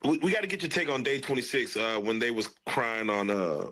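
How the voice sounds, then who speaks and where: A man's voice: mid-range voice, expressive, a little fast, a bit bright, a little hiss or hum. A man hosting a casual podcast chat, asking hesitant questions full of fillers. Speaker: podcast host.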